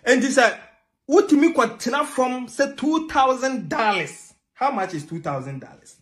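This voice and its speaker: A man's voice: extremely high pitch, expressive, normal speed, a bit bright. A young man with a Ghanaian accent giving emphatic political commentary to camera from a small room, mixing English and Twi. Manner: emphatic, mixes English and Twi, laughs mid-rant. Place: small indoor room with a TV behind.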